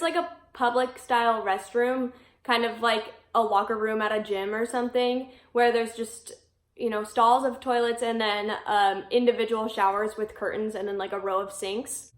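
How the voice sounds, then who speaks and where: Chatty young woman vlogging, echoey room. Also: a little high. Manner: chatty, peppered with "like", frequent laughs. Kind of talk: casual talking-head vlog.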